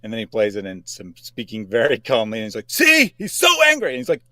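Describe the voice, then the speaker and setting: A man's voice: lowish voice, fast, dry recording. A man co-hosting who retells others mockingly, quoting them in exaggerated voices. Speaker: co-host.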